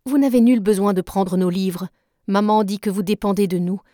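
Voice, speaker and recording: A woman reading aloud and voicing a cruel, spoiled rich boy who bullies his orphaned cousin, in a scornful, shouting tone. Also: medium pitch, moderate pace, no echo, studio quality, natural voice. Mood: scornful tirade.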